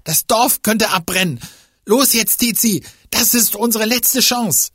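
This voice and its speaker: A man voicing a plucky young boy in an audiobook adventure, calling out in urgent, excited bursts. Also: high voice, moderate pace, breathy edge, dry recording, clean studio sound, voice pushed up, heavily acted.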